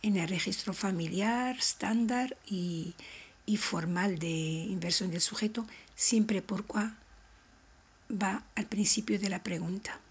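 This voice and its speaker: A woman gives a French lesson, speaking very slowly and carefully. Her voice is soft and breathy. She says each example phrase clearly, often twice, so learners can follow. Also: medium pitch. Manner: slow, carefully articulated model phrases, each repeated. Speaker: French teacher. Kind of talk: language lesson.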